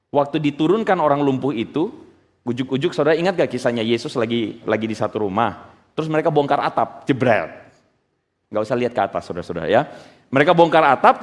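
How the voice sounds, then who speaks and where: A man preaching as a pastor, animated, asking his listeners questions and acting out the people he quotes. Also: on the high side, long reverb tail. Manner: animated, acts out quotes in voices; addresses listeners directly, asks questions. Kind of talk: preaching to a congregation.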